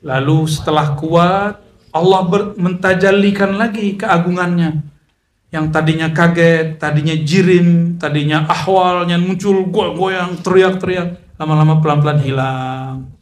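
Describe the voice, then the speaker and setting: A man's voice: high-pitched, fairly even intonation, measured pace, echoey room. A man preaching a casual religious lecture, joking with listeners, mixing in recited Arabic. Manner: chatty, joking asides, Arabic recitation mixed in. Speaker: Islamic preacher.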